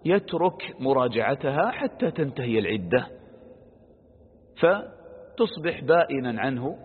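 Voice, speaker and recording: Husky man teaching in a reverberant hall. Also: mid-range voice. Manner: poses questions aloud and answers them, with everyday examples; stresses quoted verses with a raised voice. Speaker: Quran exegesis teacher. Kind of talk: religious lesson explaining verses. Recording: lo-fi phone-like sound with long reverb.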